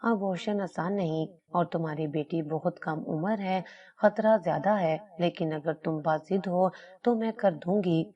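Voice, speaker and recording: A woman's voice: lowish voice, warm tone, lo-fi sound, lightly acted. A woman voicing a stern female doctor who speaks in a warning tone.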